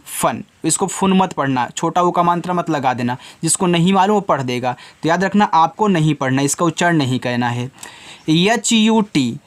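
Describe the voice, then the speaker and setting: A man teaching a slow, patient phonics lesson to children, spelling each word letter by letter and addressing the learners as children. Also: high voice. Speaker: English teacher.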